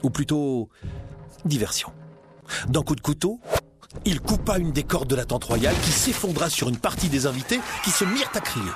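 A man narrating a children's storybook in a dramatic, expressive reading. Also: fairly high pitch, moderate pace, over music.

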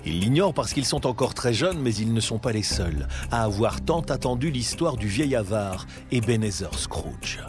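Expressive male storyteller. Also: mid-range voice. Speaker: narrator. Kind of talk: scripted story narration.

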